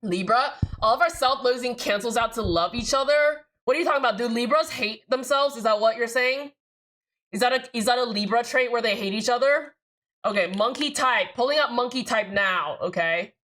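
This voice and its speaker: A chatty woman streaming live, talking to her viewers in a loose, rambling way and cursing casually. Her voice sits a little high and sounds bright and forceful. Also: normal speed, low-quality recording. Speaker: livestreamer talking to chat. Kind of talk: casual livestream chat.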